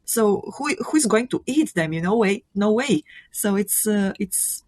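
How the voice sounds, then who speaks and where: A woman with a Bulgarian accent speaks as a panelist in a casual group discussion. Her voice sits at an average pitch for a woman, and she talks conversationally in English as a second language. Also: expressive, unhurried, a little mellow. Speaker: podcast panelist.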